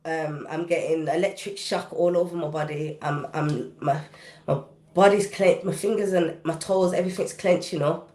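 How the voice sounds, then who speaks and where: A woman's voice: low-pitched, steady tone, moderate pace, warm tone, echoey room. A British woman, a guest recording artist, recounting a personal story in a podcast interview with vivid, intense, casual delivery. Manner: vivid, intense retelling with casual dialect grammar.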